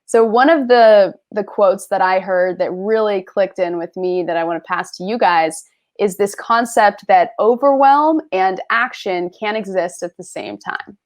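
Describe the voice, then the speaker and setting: A woman appearing as a guest creator speaks slightly slowly in a medium-pitched voice. In a relaxed video-call chat, she gives viewers upbeat, encouraging advice straight to them.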